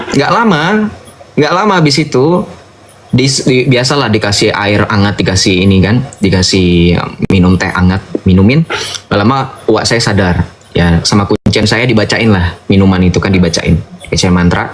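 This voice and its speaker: A man's voice: mid-range voice, a little hiss or hum. A young man, giving an emphatic personal conversion testimony. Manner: informal, emphatic, addresses listeners as brothers and sisters.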